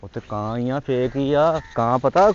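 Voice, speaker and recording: A man with a Punjabi accent acting a cheeky, flirtatious neighbour in a comedy sketch. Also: medium pitch. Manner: cheeky, flirtatious, fast-talking. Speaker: comic actor as a flirting neighbour. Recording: dull lo-fi audio with faint noise.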